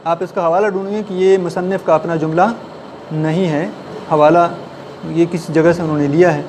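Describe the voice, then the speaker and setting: A man's voice: fairly high pitch, a little mellow, a little hiss or hum. Man lecturing a writing class. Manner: quizzes the class with questions. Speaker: writing teacher. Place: classroom with a board.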